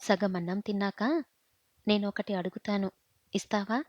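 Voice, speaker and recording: Woman narrator voicing gentle young husband, soft pleading delivery, slightly muffled audio. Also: medium pitch, level tone, normal speed, no room sound, natural voice. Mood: tender. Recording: dull, dry lo-fi recording.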